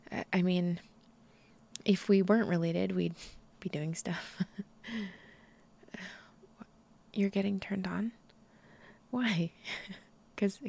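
Husky whispering young woman, slow and low. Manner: soft, breathy whispering with shy giggles and halting restarts. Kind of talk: intimate whispered audio roleplay. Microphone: close microphone.

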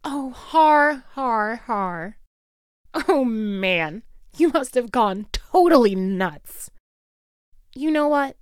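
A snarky school bully girl, acted by a woman in an audio role-play. Her voice runs fairly high and swoops widely as she drawls out sarcastic taunts. The delivery is slow and theatrical, hot-tempered with a grudging soft side. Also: lively intonation, smooth, no echo, studio quality. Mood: mocking, menacing.

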